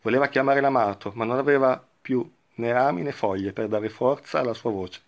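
A man giving a reflective spiritual talk and reading a parable aloud, speaking slowly and thoughtfully with frequent pauses. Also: medium pitch, highs cut off. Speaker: spiritual teacher.

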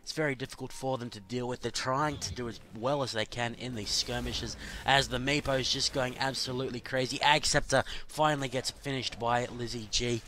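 A man calling a video game match in quick, excitable play-by-play, his voice going hoarse from the long broadcast. His pitch sits in an ordinary middle range and jumps up whenever a fight breaks out. A faint hiss runs under the recording. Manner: fast, excitable play-by-play with sudden rises. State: losing his voice. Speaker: esports caster.

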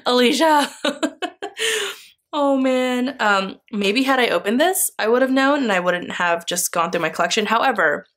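A young woman chatting casually as a planner vlogger, gushing excitably over stickers with bursts of laughter. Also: medium pitch, a little fast, few pauses. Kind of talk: casual sticker haul chat.

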